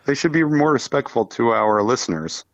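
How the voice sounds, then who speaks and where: A man's voice: mid-range voice, animated, normal speed, lo-fi sound. A man guesting on a podcast in casual chat, joking in a dry, mock-official way. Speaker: podcast guest, company co-owner.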